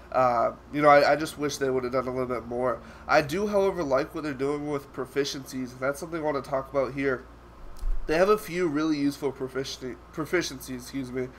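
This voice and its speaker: A man's voice: mid-range voice, steady tone, quick pace, a little hiss or hum. A young man with a stuffy voice from a cold, talking casually over gameplay and rambling with many fillers and restarts. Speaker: gaming YouTuber.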